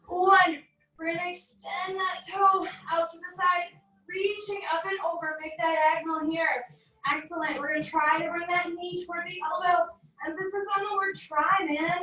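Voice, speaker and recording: A high-voiced young woman leads a barre class, counting reps at an unhurried pace and cheering her students on. She is heard from a distance, and her voice rings around a large, very echoey room. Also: a bit bright. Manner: encouraging, upbeat, counts down reps. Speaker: barre fitness instructor. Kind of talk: guided workout instruction with counting.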